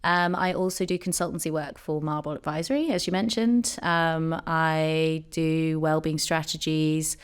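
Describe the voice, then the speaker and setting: Woman, thirties, from jersey, low pitch, smooth, casual interview chat. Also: steady tone, moderate pace, few pauses. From Jersey, Channel Islands. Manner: chatty, many ums and likes. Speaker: podcast guest, company co-founder.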